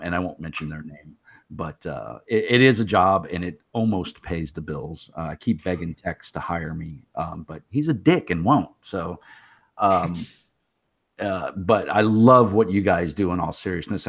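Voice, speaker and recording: A low-voiced, husky man hosts a loose interview chat. He teases his guests and laughs a lot as he talks. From Texas. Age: 50s. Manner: joking, teasing, laughs often. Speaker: host.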